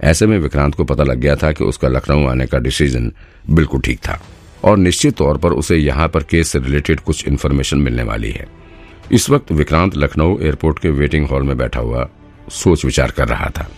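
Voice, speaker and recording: A man with an exceptionally deep, low voice reads a detective audiobook, steady and measured. Soft music plays faintly beneath his narration. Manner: steady storytelling.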